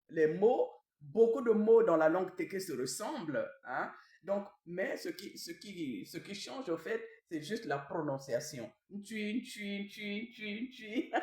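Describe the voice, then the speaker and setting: A woman in the role of a traditional queen gives a language lesson. She repeats each word slowly and often tags her phrases with a questioning "hein?". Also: fairly low pitch, darkish tone. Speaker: traditional queen teaching vocabulary. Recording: echoey room, mic at a distance.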